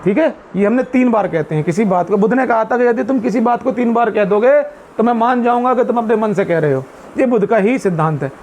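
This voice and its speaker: A man speaking to a seated community meeting about Buddhist teachings, putting questions to his listeners and answering them himself, and chanting Pali verses slowly. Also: sits high, darkish tone, a little hiss or hum. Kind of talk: explanatory talk to a seated group.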